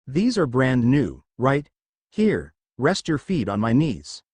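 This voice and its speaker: A calm teenage schoolboy who talks with a straight face, as a man reading the story puts him on. The line moves with a lively pitch. The voice is dry and close. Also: slow, breathy edge, no echo, heavily acted. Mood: deadpan. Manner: plain, deadpan delivery. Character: teenage boy student, calm and deadpan.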